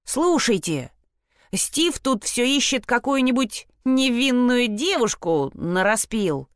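A woman's voice: a little high, sing-song, slow pace, no echo, clean studio sound, voice pushed up. A woman voicing a cocky teenage boy who mocks the girls in a storybook reading. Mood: mocking. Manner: mocking, boastful.

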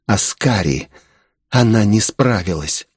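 A man's voice: fairly low pitch, husky, dry recording, studio quality, heavily acted. A man voicing a cold, robotic young man. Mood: manic. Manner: flat and detached, slow.

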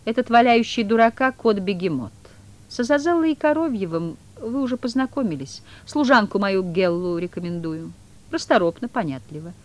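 A woman voicing the devil as a commanding, sardonic older man who speaks in a measured, imperious way. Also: mid-range voice, lively intonation, voice pushed up, natural voice.

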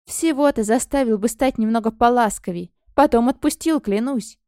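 A ruined merchant, as a woman reads him, pours out a frantic, rasping confession that veers between pleading and raving. Her voice stays fairly high and the recording is dry and close. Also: moderate pace, mellow, dry recording, lightly acted. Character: desperate ruined middle-aged male merchant.

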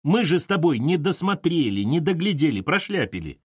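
A gruff, blunt middle-aged man who coaxes and needles, as a male narrator puts him on. His delivery swings with lively pitch, recorded close and dry. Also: brisk, no room sound. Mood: pleading. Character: blunt older male colleague, gruff and pushy.

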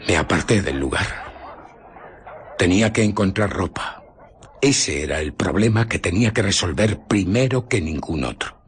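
Griffin the Invisible Man, husky and brooding. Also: deep voice, full character voice. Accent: Castilian Spanish. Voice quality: husky, rough. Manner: dramatic, brooding, with heavy pauses. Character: Griffin, bitter invisible male scientist on the run. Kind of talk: Spanish radio drama acting, recounting his ordeal.

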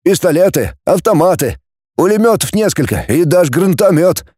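A man voicing a quiet, serious teenage boy who speaks softly in an audiobook story. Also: high voice, sing-song, normal speed, breathy edge, no room sound, clean studio sound, voice pushed up, full character voice. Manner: soft-spoken.

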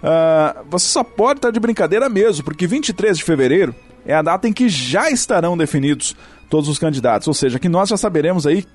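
A male radio host from Paraná, Brazil, performing a comic sketch in a studio. He talks in a fairly high voice and sounds animated, exasperated and indignant. A faint music bed runs under the broadcast. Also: fairly quick.

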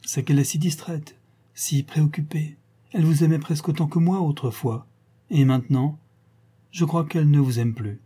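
A man's voice: on the high side, fairly even intonation, normal speed, dark tone, slightly rough. A man reading an audiobook, voicing a naive, chatty young girl who talks with artless earnestness. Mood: innocent, earnest.

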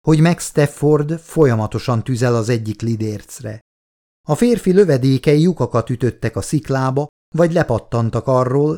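Steady male audiobook narrator. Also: mid-range voice. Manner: steady, measured storytelling. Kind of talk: scripted narration.

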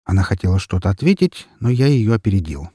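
A man narrating an audiobook in the first person, in a calm, dry and ironic manner. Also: sits low, fast, slightly rough, no echo.

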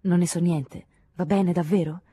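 A woman's voice: fairly low pitch, fairly even intonation, moderate pace, dark tone, slightly rough, no room sound, clean studio sound. A woman voicing a weary, evasive man who speaks in a curt, restrained way in an audiobook reading.

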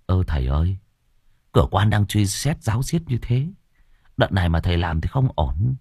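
A nervous young servant lad from a spoken story, voiced by a man. He stumbles over words and his voice leaps around. The tone is husky and gravelly. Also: sits low, big pitch swings, moderate pace, a little mellow, no room sound, clean studio sound, full character voice. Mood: cautious. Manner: stammering, panicky.

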